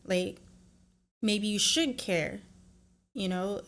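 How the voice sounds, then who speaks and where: A woman's voice: mid-range voice, extremely slow, fairly bright tone. A woman hosting a reaction video, giving blunt, opinionated commentary that often turns into a lecture. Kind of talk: casual commentary.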